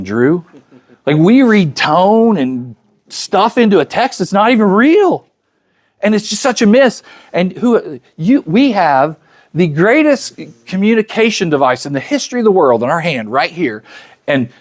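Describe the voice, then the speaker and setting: Chatty fifty-something man giving a talk. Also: high-pitched. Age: 50s. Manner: conversational, acts out quoted dialogue; chatty, speaks directly to the crowd. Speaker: luncheon speaker. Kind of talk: motivational talk to an audience.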